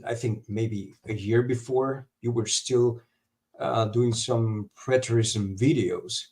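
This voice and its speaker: Man, interview guest, halting delivery full of fillers, video-call mic. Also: mid-range voice, steady tone, darkish tone. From Honduras. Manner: halting, many fillers and restarts. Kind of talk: live stream interview over video call.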